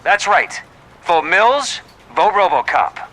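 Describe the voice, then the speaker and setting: An actor playing an assured, emphatic politician giving a campaign speech in a video game. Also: male voice, high-pitched, big pitch swings, slow, bright, forceful tone, exaggerated voice. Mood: rallying.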